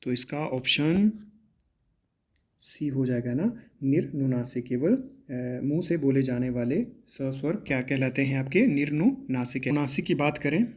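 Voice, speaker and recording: A man teaching as he works through mock exam questions, often checking in with the class and pausing with drawn-out hesitations. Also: mid-range voice, expressive, a little mellow. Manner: repetitive, checks in with "है ना" and "ठीक है".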